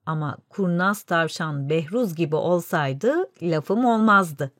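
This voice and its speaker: A woman's voice: lowish voice, expressive, slow, a bit bright, dry recording, studio quality, exaggerated voice. A woman voicing a scornful old male crow who judges others dismissively.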